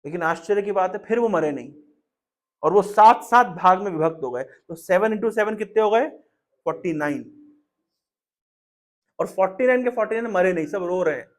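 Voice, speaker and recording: A man's voice: high voice, expressive, moderate pace, pauses often. A man preaching a devotional storytelling sermon, emphatic and repetitive, with frequent rhetorical questions.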